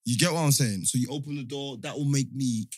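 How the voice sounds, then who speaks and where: A man's voice: mid-range voice, a little fast, dry recording. A man with a London roadman accent chatting casually in slang, telling stories on a close mic and often repeating himself to check you follow. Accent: London roadman, multicultural urban slang. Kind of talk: casual chat, slangy storytelling.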